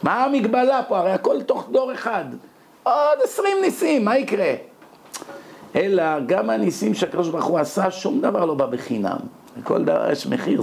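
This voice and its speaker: A man's voice: on the high side, vocal fry, darkish tone, slight background noise. A man giving a Torah lecture, telling stories animatedly and firing rhetorical questions.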